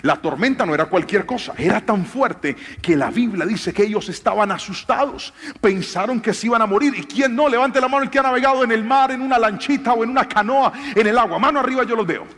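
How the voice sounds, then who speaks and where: A man's voice: very high-pitched, fairly quick, a bit bright. A man preaching a theatrical sermon from a stage, directing volunteers. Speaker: pastor. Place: large church hall with audience. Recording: long hall reverb, faint music.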